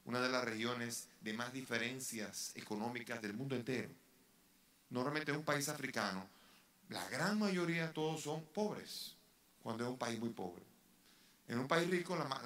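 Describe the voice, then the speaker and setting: A bishop from the Dominican Republic gives a retreat sermon in an echoey parish church. His medium-pitched voice is pushed and bright as he preaches earnestly, using rhetorical questions and rising emphasis.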